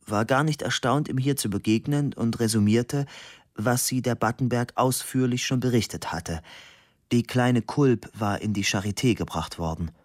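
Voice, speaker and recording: A man reading a novel aloud as narrator, calm and measured. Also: lowish voice, no echo, studio quality. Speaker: audiobook narrator. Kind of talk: scripted narration.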